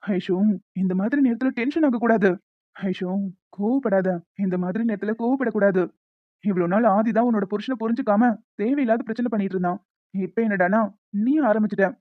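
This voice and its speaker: A woman's voice: mid-range voice, dry recording, natural voice. A woman doing a coaxing, lecturing friend. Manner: coaxing, advising. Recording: tinny phone-like dry recording.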